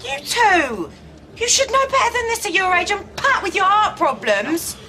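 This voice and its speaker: A woman's voice: very high voice, sing-song, normal speed, bright, forceful tone, slight background noise, heavily acted. An actress playing an exasperated young woman who scolds two older women. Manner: bossy and exasperated.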